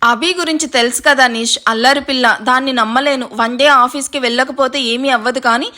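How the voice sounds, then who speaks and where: A woman's voice: high-pitched, fairly even intonation, a little fast, bright, forceful tone. A woman voicing a protective elder sister-in-law who gives firm, scolding orders. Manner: commanding, scolding.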